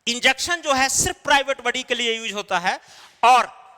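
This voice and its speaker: A man's voice: extremely high pitch, animated, moderate pace, sharp tone, smooth, big-room sound. A man teaching an exam-preparation class, explaining step by step and answering his own questions. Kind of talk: recorded lecture.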